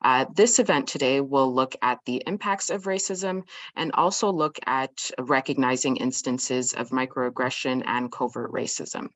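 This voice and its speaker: Very low-voiced hesitant woman moderator. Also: normal speed, no echo. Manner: hesitant, many fillers and restarts. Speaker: workshop moderator. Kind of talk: formal event opening on a video call. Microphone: video call.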